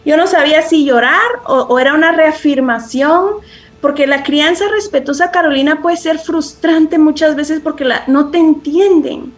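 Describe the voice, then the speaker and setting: A woman's voice: sits high, normal speed. A woman speaking as a parenting expert in a podcast interview, earnest and reflective, often restarting phrases and adding tag questions.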